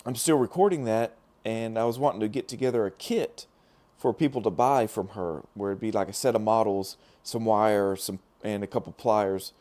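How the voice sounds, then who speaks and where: A middle-aged dental lab technician hosts a casual stream, chatting to viewers as he works in a hoarse voice that's fading, with plenty of fillers and restarts. He speaks at normal speed, fairly low in pitch, with a darkish tone.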